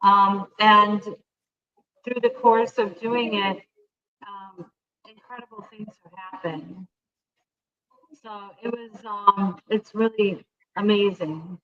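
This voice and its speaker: A woman's voice: medium pitch, steady tone, slow pace, pauses often, a bit bright, lo-fi sound. A woman guest who works as a hypnotist, speaking with many hesitant ums while her voice keeps cutting in and out over a remote call line. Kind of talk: casual interview answers.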